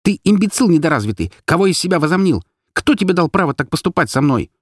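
A man's voice: a little high, big pitch swings, quick pace, dry recording, clean studio sound, voice pushed up. A man voicing a hot-tempered young woman who screams insults in hysterical fury. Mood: furious yelling.

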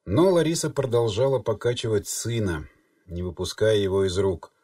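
A man reading an audiobook in measured, even storytelling narration. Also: on the low side, no echo, studio quality, far from the mic. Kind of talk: scripted narration.

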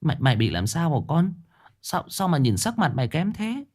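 Man doing a frantic village mother, high shrill voice, stammering, pleading, ghost story telling. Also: big pitch swings, moderate pace, darkish tone. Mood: worried. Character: frantic worried middle-aged village mother.

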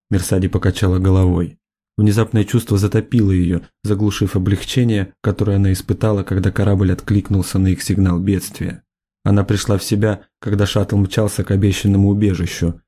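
A male audiobook narrator reads in a steady, measured style. His voice is low and dark, with a mellow tone. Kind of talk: scripted narration.

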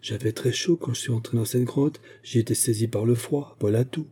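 A man's voice: mid-range voice, brisk, mellow, breathy edge, lightly acted. A man voicing Biscara, a frightened young guardsman. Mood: evasive. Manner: tense and pleading. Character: frightened young male guardsman hiding a secret.

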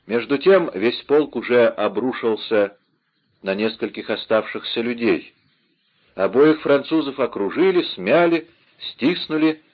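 A man narrating an adventure novel aloud in a dramatic, lively reading style, on a slightly dull recording. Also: mid-range voice, unhurried. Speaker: audiobook narrator. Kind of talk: scripted narration.

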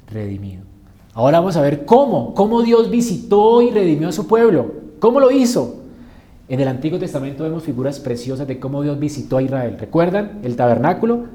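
A man preaching with fervor, his voice surging to loud declarations and sinking to hushed lines. His tone is soft and mellow, and it sits a little high for a man. The sound bounces around an echoey room. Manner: impassioned, rising and falling dynamics, rhetorical questions. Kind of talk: sermon.

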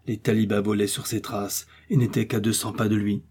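A man reading a classic adventure novel aloud as scripted audiobook narration, in a steady, measured way. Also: fairly low pitch, husky. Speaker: audiobook reader.

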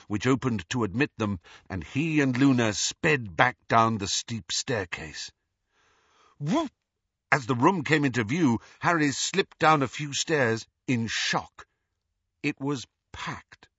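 A man's voice: mid-range voice, husky, no echo. A man narrating an audiobook expressively, in a dull, dry recording. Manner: expressive, dramatic. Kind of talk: scripted narration.

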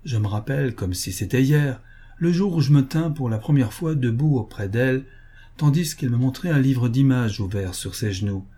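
A man reading as a pompous, jealous suitor who speaks with heavy sentimentality. The voice is dark and husky. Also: medium pitch, lively intonation, moderate pace.

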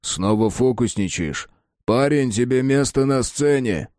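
A man's voice: mid-range voice, lively intonation, a little mellow, dry recording, clean studio sound, lightly acted. Man doing a sneering burly guard. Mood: mocking. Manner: slow, sneering drawl. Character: burly, mocking male security guard.

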